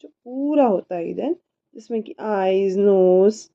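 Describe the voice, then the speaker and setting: A woman's voice: medium pitch, expressive, takes it slowly, highs cut off. A woman teaching her child English body words, patiently repeating each word and spelling it letter by letter. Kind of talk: slow spelling lesson.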